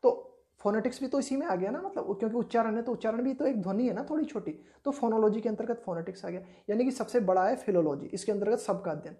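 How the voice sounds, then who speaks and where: Mellow-voiced woman teaching patiently. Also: fairly high pitch, lively intonation. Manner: patient, repeats points with tag questions; reads English definitions slowly and deliberately. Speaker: exam prep teacher. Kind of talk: explaining lesson.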